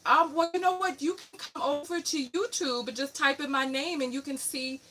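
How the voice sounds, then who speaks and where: Her high voice is steady, pushed, and bright at a normal speed, with slight background noise. This New York-accented radio host and relationship coach from New York City presses a caller with firm questions during a live coaching call.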